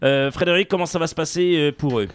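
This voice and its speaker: A man's voice: on the high side, quick pace, smooth, dry recording. A male radio host leading a live sports talk show in a studio, playful and exclamatory, with lots of fillers.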